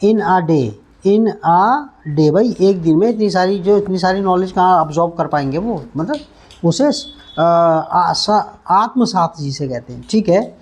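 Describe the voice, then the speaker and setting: A Hindi-speaking man teaching English vocabulary in an online lesson, slowly repeating words and spelling them out letter by letter. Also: high voice, lively intonation.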